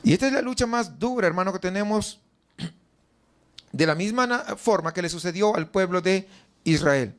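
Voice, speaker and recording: High-voiced Mexican pastor preaching. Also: male voice, animated, moderate pace, pauses often. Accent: Mexican Spanish. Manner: asks the congregation many rhetorical questions; acts out the doubts of the faithful in a raised voice. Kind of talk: sermon. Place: church.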